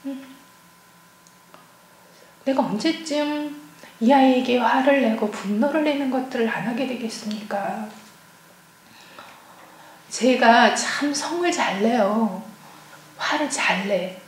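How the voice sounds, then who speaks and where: A woman giving a personal testimony as a church deaconess, speaking earnestly and often dropping to a hushed, near-whispered voice. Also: on the high side, a little hiss or hum. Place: church hall. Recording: echoey church hall recording.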